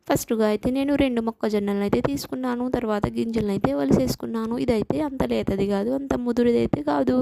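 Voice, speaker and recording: A woman's voice: a little high, creaky, warm tone. A woman hosting a cooking vlog, chatting through a home recipe step by step and leaning on the same filler words over and over. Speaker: cooking channel host.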